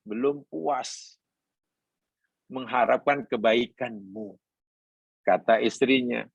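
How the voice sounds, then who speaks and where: A man's voice: medium pitch, no echo. A man teaching a religious class, telling a story and quoting Arabic lines before explaining them. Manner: storytelling, voicing family members and quoting Arabic. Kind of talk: sermon.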